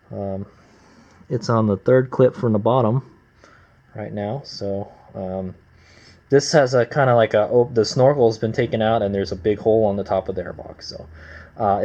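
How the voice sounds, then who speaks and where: A man talking casually and plainly like a gruff home mechanic while working at his bench, with slangy, unpolished asides. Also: fairly low pitch, a little mellow. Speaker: amateur motorcycle mechanic, vlog host. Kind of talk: casual hands-on workshop narration. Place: workbench, close to the camera. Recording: slightly dull, lo-fi camera audio.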